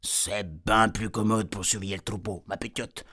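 A man's voice: on the low side, steady tone, moderate pace, pushed and bright, breathy edge, pitched below the performer's own voice. A man voicing a sly wolf disguised as a grandmother, with a matter-of-fact manner. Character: sly old wolf posing as granny.

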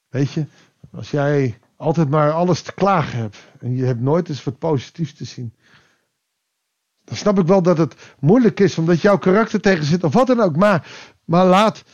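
A man preaching a devotional sermon, reflective and pausing, rising with emphasis and then dropping to a quiet voice. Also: on the high side, dull audio.

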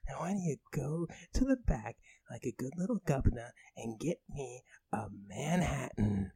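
A man's voice: mid-range voice, animated, slightly rough, no echo. Man doing a rude pompous British mayor. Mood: pompous, abusive. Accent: put-on British. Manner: bullying, insulting, drawn-out shouting. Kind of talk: improvised comedy role-play.

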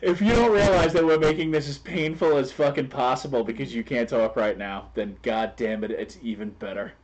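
A man's voice: mid-range voice, darkish tone, a little hiss or hum, rough recording. A man co-hosting a casual comedy podcast, teasing his co-hosts dryly with a laugh. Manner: slow, dry teasing with laughs. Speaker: co-host. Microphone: remote call.

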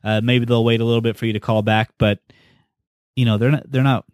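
A man's voice: medium pitch, level tone, brisk, a little mellow, clear, resonant tone, no echo. Easygoing male podcast host, dry sound. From United States. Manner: easygoing, leads the conversation. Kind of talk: casual podcast chat.

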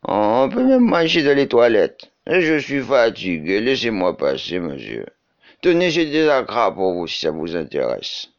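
A worn-out, stubborn cleaning woman, played by a man, slow and gravelly, with a wildly swinging pitch. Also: wildly swooping pitch, highs cut off, full character voice. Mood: pleading. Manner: pleading, swooping and drawn out. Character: tired, stubborn middle-aged cleaning lady.

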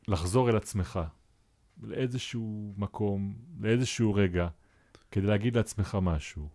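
A man hosting a podcast interview who asks calm, measured questions. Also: on the low side. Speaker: podcast host.

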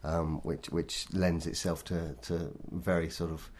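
A man, a poet, talking thoughtfully and self-deprecatingly in an interview, in a halting way. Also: low-pitched, level tone, darkish tone, slight background noise. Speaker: poet guest. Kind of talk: interview conversation.

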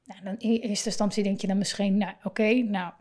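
On her casual solo parenting podcast, she thinks aloud through plenty of fillers and restarts, frequently laughing and acting out what parents and children say. She talks a little fast at medium pitch, with fairly even intonation and a darkish tone.

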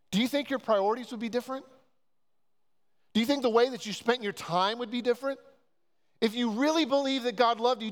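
A man preaching a sermon as pastor, earnest and urging, pressing his listeners with repeated questions. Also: very high-pitched. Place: church sanctuary. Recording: long church reverb.

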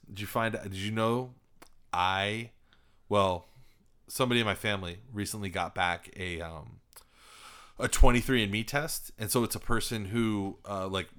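A man's voice: fairly low pitch, fairly bright tone, smooth. A man hosting a podcast in casual chat, joking and swearing with a sardonic edge. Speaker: podcast host.

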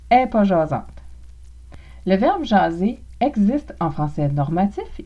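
A woman with a Québécois accent hosting a language podcast, reading a scripted lesson and slowly modelling phrases for learners to repeat. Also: on the low side, lo-fi sound. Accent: Québécois French. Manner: clear, slow model pronunciations for learners to repeat. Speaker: podcast host teaching Quebec French.

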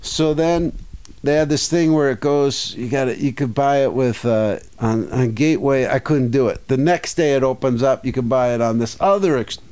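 A man's voice: mid-range voice, moderate pace, a little mellow, clear, resonant tone. A man co-hosting a casual podcast chat, telling rambling stories full of acted asides. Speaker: podcast co-host.

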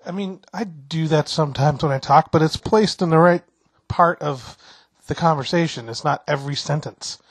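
A man's voice: fairly high pitch, normal speed, slightly rough, dry recording. A man co-hosting a casual podcast, grumbling and dry-humored, swearing now and then. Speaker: podcast co-host. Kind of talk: casual chat.

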